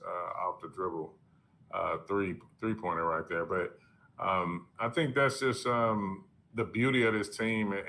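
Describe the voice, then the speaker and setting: A man talking as a team coach on a live esports broadcast, halting, with many fillers and restarts. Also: deep voice, sharp tone. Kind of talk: casual broadcast interview.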